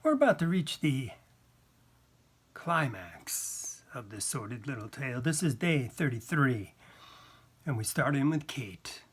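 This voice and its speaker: A man hosting a story series and reading a first-person tale aloud in a hushed, intimate way. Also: medium pitch, very animated, measured pace, breathy edge.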